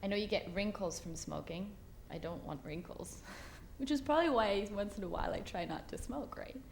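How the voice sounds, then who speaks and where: A woman in her late twenties speaks in a middle-pitched voice, frank and open. She chuckles at her own words as she answers. A faint hiss of noise sits under her voice. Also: moderate pace, creaky. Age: 20s. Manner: frank, laughs at herself. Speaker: interviewee. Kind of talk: candid interview answers.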